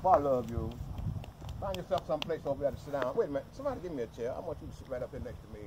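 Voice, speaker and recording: A man's voice: medium pitch, very fast, background noise. An older man with a Southern US accent giving an impassioned, folksy outdoor speech and talking straight to the crowd. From Southern United States. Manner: animated, folksy, addresses the crowd directly. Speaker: speaker at a memorial event. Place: outdoors at a cemetery gathering.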